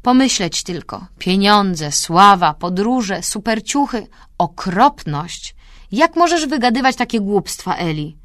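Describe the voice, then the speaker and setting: A woman's voice: medium pitch, expressive, normal speed, no room sound, studio quality, lightly acted. A woman voicing a sarcastic, pushy teenage girl with an ironic, mocking delivery in an audiobook. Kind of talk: audiobook character voice.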